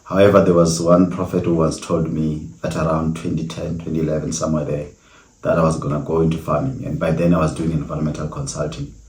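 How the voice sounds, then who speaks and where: Very deep, flat-voiced South African man. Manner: earnest, reflective storytelling with many pauses. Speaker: podcast host. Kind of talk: solo podcast monologue. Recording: echoey room.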